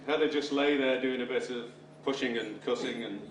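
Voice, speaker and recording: A man's voice: medium pitch, fairly quick. A middle-aged or older British man giving a father of the bride wedding speech with dry, wry humour. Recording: roomy, distant microphone, clear background noise. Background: room noise and guests laughing.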